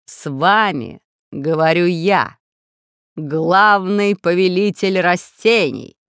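A woman's voice: on the low side, fairly bright tone, smooth, no echo, clean studio sound. Woman as a menacing villainous plant lord. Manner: slow and threatening.

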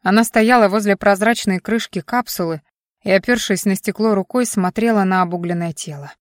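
Reading a science fiction audiobook from a script, a woman keeps a measured, even delivery and lets each sentence end low and quiet. Clean studio sound, no room sound.

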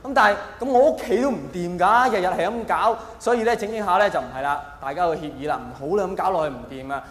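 A fast-talking male comedian with a high, fairly bright voice delivers a colloquial stand-up monologue in a Hong Kong Cantonese accent. He piles on exaggeration and rhetorical questions. The recording has hall echo and faint background noise.

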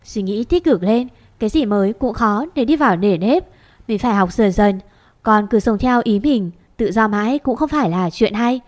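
A woman's voice: medium pitch, lively intonation, moderate pace, darkish tone, close to an everyday voice. A woman voicing an old grandmother who scolds fondly and gives homely advice. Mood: chiding.

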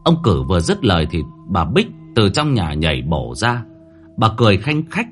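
A man narrating a horror story in a dramatic manner, slowing down at tense moments. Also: low voice, huge pitch swings, soft background music.

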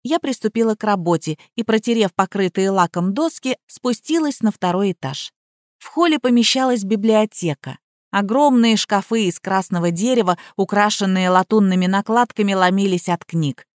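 Female audiobook narrator, mid pitch, wry first-person telling, dry close mic. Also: moderate pace, no room sound. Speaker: audiobook reader.

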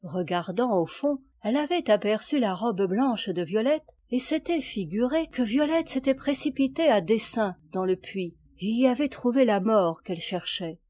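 A woman audiobook narrator reading a classic children's tale in a measured, expressive way. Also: on the high side. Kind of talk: scripted narration.

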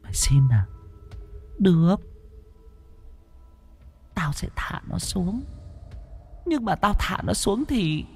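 Vengeful woman ghost, voiced by a man, snarling, taunting, high and hushed, faint music behind. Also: big pitch swings, takes it slowly, long pauses, heavily acted. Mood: furious. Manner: snarling, taunting, breathy cackles. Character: vengeful female ghost, cruel and mocking.

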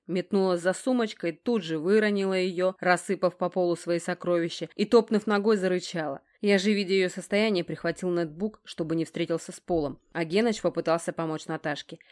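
A woman narrating a first-person audiobook in a measured, expressive storytelling manner. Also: lowish voice.

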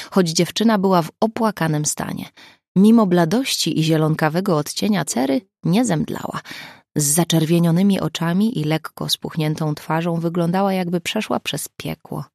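A woman narrating a crime novel audiobook in a measured, even storytelling manner, close to the mic. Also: fairly low pitch, gravelly, dry recording. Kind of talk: scripted narration.

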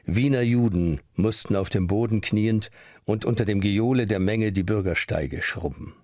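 A man's voice: fairly low pitch, normal speed, darkish tone, dry recording, clean studio sound. A man reading scripted historical documentary narration.

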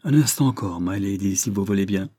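Un homme lit le rôle d'un officier de police qui interroge avec insistance dans un roman. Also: male voice, low-pitched, a little fast, warm tone, dry recording, studio quality. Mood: insistent. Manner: insistent, probing. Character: insistent male police officer questioning a witness.

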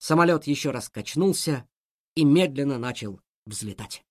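A man narrating a children's story in a lively, expressive way. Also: medium pitch, moderate pace, dry recording, studio quality.

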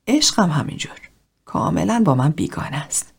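A woman reads a cold, self-loathing middle-aged man confessing in a low, breathy half-whisper. His dark voice still swings widely in pitch as he speaks, and the hush never lifts from this audiobook reading. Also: big pitch swings, full character voice. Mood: brooding.

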